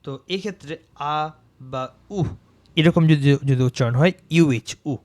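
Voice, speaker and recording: A man's voice: fairly high pitch, a little mellow, no echo. Male teacher, dry close sound. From Bangladesh. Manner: repeats words slowly to model pronunciation; mixes English terms into his talk. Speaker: English grammar teacher. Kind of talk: explanatory grammar lesson.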